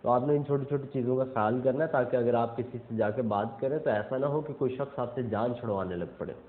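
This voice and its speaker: A man's voice: mid-range voice, fairly quick, a little hiss or hum. A young man, giving a casual instructional talk and explaining step by step with frequent check-ins. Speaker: self-improvement speaker. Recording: tinny phone-like audio.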